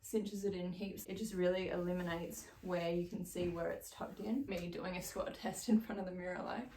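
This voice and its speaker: A woman's voice: on the low side, steady tone, normal speed, a little mellow, reverberant, recorded from a distance, a little hiss or hum. A young Australian woman vlogging in casual, chatty talk, gushing and full of "like". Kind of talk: casual chat.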